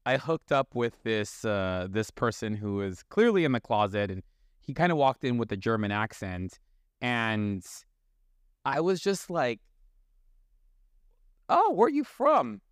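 A man's voice: fairly low pitch, lively intonation, unhurried, smooth, dry recording. A male podcast host talking candidly in casual studio chat, telling stories, laughing often and swearing freely.

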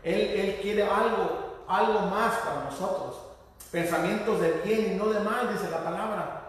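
A man preaching a sermon. He speaks haltingly, repeats words, and tells the story with feeling. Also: high voice. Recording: echoey hall from far off.

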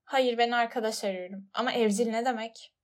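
A woman voicing a gentle, polite little prince, earnest and wondering, pitched above her narrating voice. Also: steady tone, fairly quick, natural voice.

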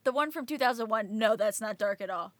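A woman hosting a casual podcast, talking in an animated way. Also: on the high side, fairly quick, crowd noise. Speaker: podcast host and editor. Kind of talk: casual chat.

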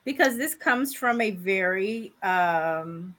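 Bright, lively woman speaking slowly. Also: mid-range voice. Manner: playful, teasing interjections. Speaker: co-host. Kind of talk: casual chat.

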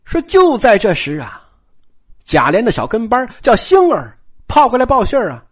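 A man's voice: very high voice, wildly swooping pitch, moderate pace, husky. A man telling a classic tale in colloquial oral-storytelling style, with joking asides.

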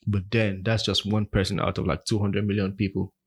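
A man's voice: on the low side, little pitch movement, brisk, breathy edge. A man from Nigeria talking frankly and emphatically in a casual podcast chat, laughing often. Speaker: podcast co-host.

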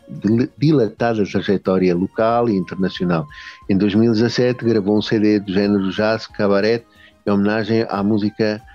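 A man interviewing a singer, first reading her biography in a halting way with restarts and filler sounds. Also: on the low side, warm tone. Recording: muffled lo-fi audio with faint music.

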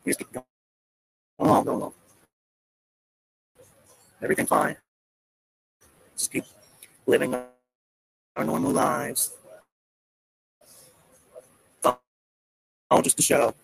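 A man's voice: fairly high pitch, slow pace, creaky, long pauses, slightly rough, dry recording, poor audio. A man telling a story to his viewers in an agitated, defiant rant, swearing often.

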